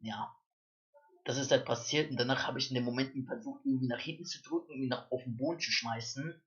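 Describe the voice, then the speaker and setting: A young adult man vlogging, telling a rambling story that swings between mumbled asides and loud, excited bursts. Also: medium pitch, fast. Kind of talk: casual storytelling to camera. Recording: dull lo-fi recording.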